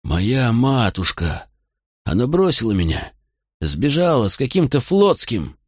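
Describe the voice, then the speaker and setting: A drunk Roman centurion from an audiobook, slurring slowly through tears and flaring into rage, played by a male narrator. The delivery drags, and the sound is close and dry. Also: mid-range voice, big pitch swings, no echo. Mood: drunk, tearful. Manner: slurred, slow and tearful. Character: drunk weepy Roman centurion, hot-tempered.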